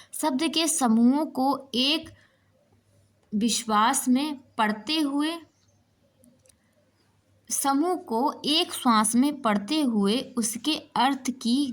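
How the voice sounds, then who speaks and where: A woman teacher explaining an exam-prep lesson while writing on a board, checking in with "ठीक है" and asking herself rhetorical questions. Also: fairly high pitch. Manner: explanatory, repeats "ठीक है" and asks rhetorical "क्या है"; writes on a board while talking.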